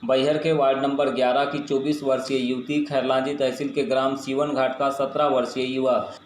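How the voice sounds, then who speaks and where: A man reads a news bulletin in a flat, formal delivery with very little pitch movement. The recording sits in an echoey room. A faint hiss runs under his voice. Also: normal speed. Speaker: news reader.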